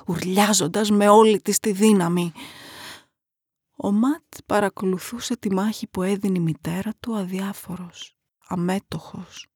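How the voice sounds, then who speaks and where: A woman narrating a horror story in a hushed, dramatic, often half-whispered way. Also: medium pitch, slightly rough, dry recording, studio quality.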